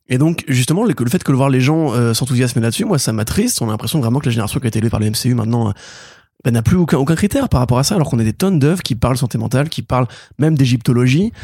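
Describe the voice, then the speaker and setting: Fast, husky-voiced opinionated man. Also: mid-range voice, animated, mellow, no echo, clean studio sound. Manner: opinionated, heated. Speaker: podcast co-host. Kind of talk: casual critical chat.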